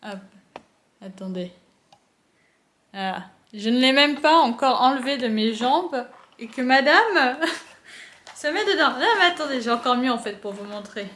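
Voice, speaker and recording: A young woman casually chatting as she unboxes books at home, gushing with excitement and using lots of fillers. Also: high voice, measured pace, pauses often. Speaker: book unboxing vlogger. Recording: echoey room.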